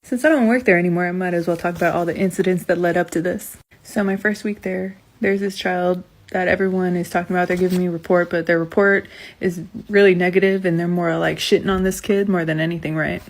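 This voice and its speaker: A woman who used to be a school nurse, telling a story to camera in a blunt, animated way and swearing freely. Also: lowish voice, fast talker.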